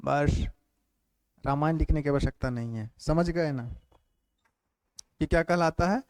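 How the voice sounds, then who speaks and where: A man teaching a grammar class who repeats phrases slowly for note-taking and keeps asking quick check questions. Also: a little high, a little mellow, clean tone, no echo. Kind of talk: classroom lecture.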